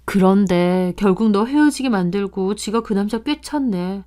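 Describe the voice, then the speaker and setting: A young female friend sharing gossip in a spoken story, voiced by a woman narrator. She speaks quietly and slowly, with a wry, drawling disbelief. The delivery stays hushed and conspiratorial. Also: medium pitch, lively intonation, lightly acted.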